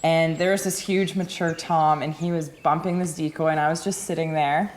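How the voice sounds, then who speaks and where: A woman's voice: low voice, fairly even intonation, moderate pace, a little hiss or hum. A woman hunter telling a hunting story in a casual way, laughing often.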